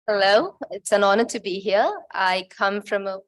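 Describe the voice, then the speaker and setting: A woman's voice: medium pitch, fairly even intonation, moderate pace. A woman from Bangladesh giving a conference talk in an informal, chatty way, often stopping to correct herself. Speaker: conference presenter. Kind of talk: conference presentation.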